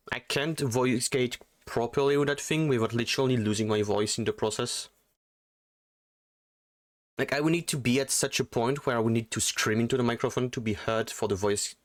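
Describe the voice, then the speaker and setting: A man chatting on a livestream from his home setup, rambling and self-deprecating with plenty of fillers. His desktop mic gives a close, dry sound at mid pitch. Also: no room sound. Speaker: streamer. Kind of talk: casual livestream chat. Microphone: desktop USB mic.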